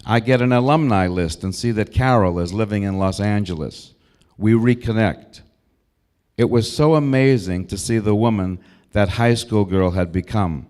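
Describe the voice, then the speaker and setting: An American man in his sixties delivering a prepared eulogy, telling memories in a measured, reflective way with short, deliberate phrases. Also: on the low side, darkish tone. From Brookline, Massachusetts, United States. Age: 60s. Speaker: eulogist, old school friend of the deceased.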